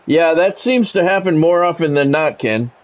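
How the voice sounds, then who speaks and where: An animated, fairly high voice at a moderate pace delivers play-by-play on a football video game, with the streamer slipping into wry, grumpy and sometimes profane side comments. The sound quality is lo-fi.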